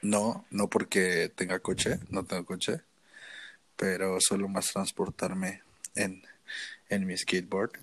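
A man with a Mexico City accent, co-hosting a comedic podcast in easygoing talk with hesitant, drawn-out fillers. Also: sits low, flat delivery, slightly rough, dry recording. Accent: Mexico City Spanish. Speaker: podcast co-host. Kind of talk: casual comedic chat.

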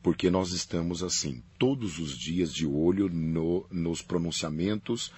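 Unhurried and calm, this priest and faculty representative from Paraná, Brazil gives lengthy explanations as an interview guest, repeating key phrases. His deep, husky male voice is captured with no echo.

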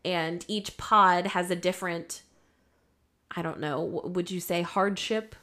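A woman's voice: fairly low pitch, fairly even intonation, measured pace, pushed and bright. A woman co-hosting a podcast, chatting casually and animatedly, with many fillers and asides. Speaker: podcast co-host. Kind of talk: casual chat.

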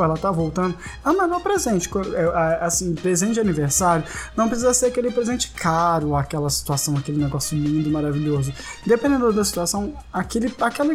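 A man hosting a podcast, reading listener comments aloud in a casual, playful, slangy way with lively jumps in pitch. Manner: animated, playful, slangy, jumps between high and low pitch. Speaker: podcast host.

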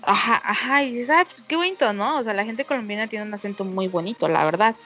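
A woman's voice: mid-range voice, fast talker, soft background music. A young Mexican woman in casual chat, telling stories and acting out the messages she quotes. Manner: animated storyteller, acts out quoted messages.

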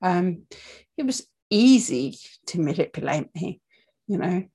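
A woman working as a breathing coach, talking candidly and informally to camera in a deliberate, halting way with long pauses, often checking in with the listener. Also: lowish voice, sing-song, warm tone, husky. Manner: candid, conversational, checks in with okay and yeah. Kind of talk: informal spoken talk to camera about anxiety and breathing.

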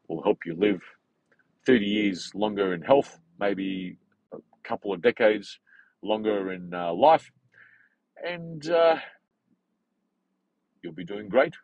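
A man in his forties hosting a podcast, talking in a rambling, animated way with many fillers and restarts. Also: on the low side, slow, vocal fry, long pauses, breathy edge, no room sound, muffled recording. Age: 40s. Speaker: podcast host. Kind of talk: casual unscripted monologue.

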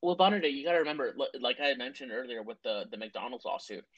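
Male co-host, husky, animated voice, stammering restarts, casual cursing. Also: mid-range voice, quick pace, muffled recording. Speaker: podcast co-host. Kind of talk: casual chat.

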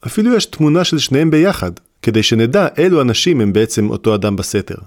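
A man voicing a clever, sarcastic young boy wizard in an audiobook reading, with a dry, deliberate delivery. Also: medium pitch, very animated, darkish tone, no room sound, pitched above the performer's own voice, lightly acted. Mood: sardonic. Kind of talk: audiobook character voice.

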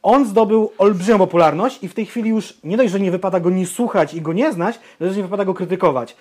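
High-voiced and quick, a young man co-hosting a podcast launches into animated rants during laid-back banter. He doesn't mince words, voicing strong opinions and swearing as he goes.

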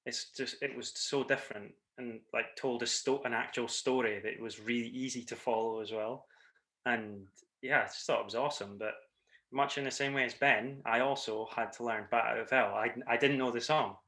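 A man's voice: mid-range voice, steady tone, moderate pace, pushed and bright. A man with a Scottish accent, a theatre performer chatting casually as an interview guest. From Scotland. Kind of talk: casual group interview chat.

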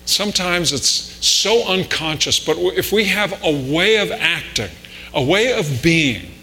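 A man's voice: high-pitched, animated, unhurried, pushed and bright. A man preaching a conversational sermon with anecdotes, pressing harder on his key points. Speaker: pastor. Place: church sanctuary. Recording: reverberant hall with mains hum.

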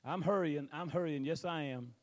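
Male country pastor, high-pitched, Southern US drawl, folksy rambling sermon delivery with drawn-out scripture. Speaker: pastor preaching to his congregation. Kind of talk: sermon, mixing scripture reading with plain exhortation.

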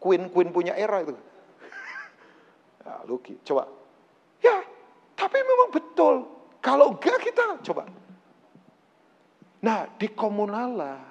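A man preaching a sermon to his congregation, animated and joking, acting out quotes. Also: high voice, unhurried, long pauses, long reverb tail, highs cut off. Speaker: pastor. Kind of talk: lively sermon.

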